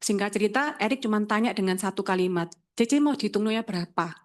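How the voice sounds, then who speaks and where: A woman, an insurance agent telling her own story in a lively talk and acting out the dialogue. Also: medium pitch, quick pace.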